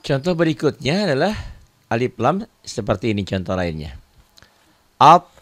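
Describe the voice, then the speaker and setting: A man's voice: medium pitch, big pitch swings, a little fast, darkish tone, no echo. A man with an Indonesian accent teaching beginners to read the Quran, patiently repeating each point and pointing at examples. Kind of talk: online recitation lesson.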